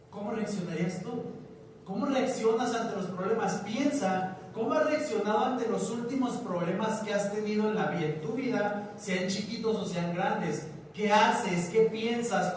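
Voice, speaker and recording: High-voiced Mexican pastor in an echoing church. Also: male voice, a little hiss or hum. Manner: conversational, joking, asks the congregation questions. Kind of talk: sermon. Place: church hall. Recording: echoey church recorded from a distance.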